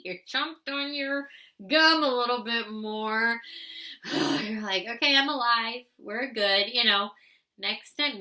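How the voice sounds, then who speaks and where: A woman giving parenting advice in an animated way, asking rhetorical questions and acting out parent and child. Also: on the high side. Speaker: parenting educator.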